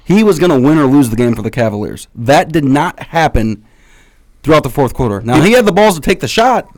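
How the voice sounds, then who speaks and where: A man's voice: a little high, very animated, fairly quick, no echo. Argumentative male co-host, dry sound. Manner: argumentative, insistent. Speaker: podcast co-host. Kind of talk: casual sports debate.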